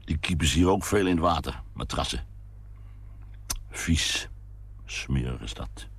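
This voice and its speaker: A man's voice: rumbling low, animated, measured pace, vocal fry, a bit bright, husky, no room sound, exaggerated voice. A man voicing a weary, wistful drinking man of about fifty who mumbles and rambles, humming to himself, in a read-aloud story. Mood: rambling.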